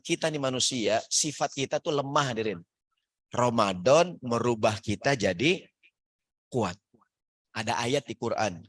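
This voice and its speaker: A man preaching a lively, jokey sermon in a mosque, often calling out to the audience and acting out characters in higher voices. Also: no room sound, studio quality. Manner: lively, jokey, keeps addressing the audience as "hadirin". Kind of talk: humorous sermon to an office congregation. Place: mosque prayer hall.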